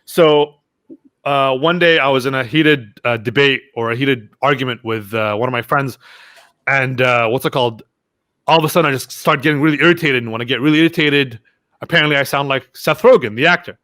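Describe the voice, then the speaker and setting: This young man speaks briskly at a medium pitch while telling laid-back stories as a podcast guest. In the casual storytelling interview, he animatedly acts out what his friends told him.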